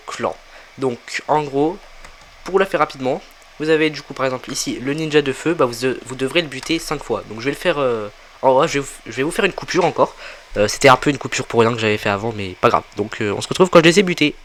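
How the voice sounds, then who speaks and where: A man's voice: mid-range voice, a bit bright, slight background noise. A young man giving a casual game walkthrough, thinking aloud with lots of fillers as he plays. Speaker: gaming tutorial creator.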